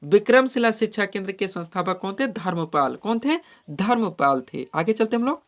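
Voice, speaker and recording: A woman's voice: mid-range voice, expressive, normal speed. A woman teaching an exam preparation lesson. She calls her listeners friends and keeps telling them to pay attention. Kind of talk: exam prep lecture.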